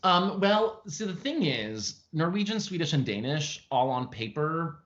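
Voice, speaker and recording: A man, an actor, chatting animatedly in a casual interview, telling stories with lively jumps in his voice. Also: a little high, a little slow. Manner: frequent fillers and restarts, chatty. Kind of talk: casual interview over video call. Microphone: video call from home. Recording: lo-fi video call audio.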